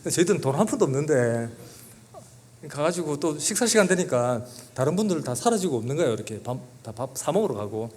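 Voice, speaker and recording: A man's voice: fairly high pitch, sing-song, fast talker, a little mellow. Middle-aged man preaching a heartfelt sermon. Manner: earnest, emotional storytelling. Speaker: guest pastor. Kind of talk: sermon testimony. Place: church sanctuary.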